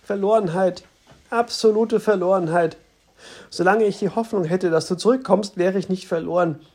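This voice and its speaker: A narrator giving voice to a patient, knowing man who explains things calmly and steadily. The voice is husky and breathy, at a middling pitch, in a read-aloud story. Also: normal speed. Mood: grave. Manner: calm, explaining. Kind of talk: audiobook reading.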